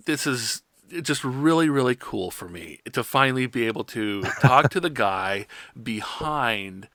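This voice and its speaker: A man hosting a casual interview podcast, speaking haltingly and circling back over his phrases. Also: mid-range voice, animated, fairly bright tone, no echo.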